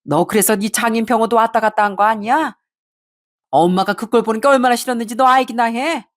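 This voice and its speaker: A woman's voice: a little high, pitched above the performer's own voice, close to an everyday voice. Woman putting on a whiny, greedy older mother-in-law. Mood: indignant. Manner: slow, drawn-out, whining guilt-tripping.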